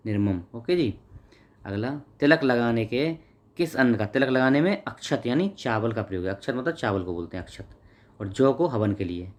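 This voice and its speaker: A man's voice: medium pitch, darkish tone. A man teaching an exam-prep lesson, asking questions, answering them himself and repeating key words. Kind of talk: Hindi grammar lesson.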